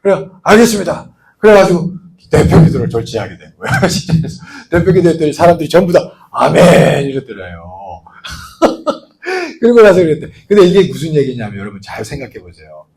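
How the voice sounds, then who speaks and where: A man's voice: fairly high pitch, wildly swooping pitch, brisk, a little mellow, a little hiss or hum. A man preaching a sermon as a pastor, telling a story in a chatty way and often turning to the congregation with questions. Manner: conversational storytelling with rhetorical asides. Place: church.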